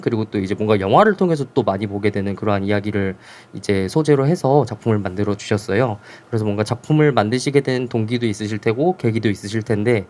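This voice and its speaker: Fast-talking polite male moderator. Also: on the low side, darkish tone. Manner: polite, frequent filler "ne". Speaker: festival moderator. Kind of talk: formal hosted Q&A.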